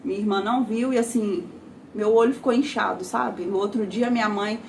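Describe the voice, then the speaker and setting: A woman's voice: mid-range voice, fairly even intonation, fairly quick, gravelly, darkish tone, a little hiss or hum. A Brazilian woman telling her personal testimony in a conversational, emotional way, often adding little tags like "né" and "sabe". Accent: Brazilian Portuguese.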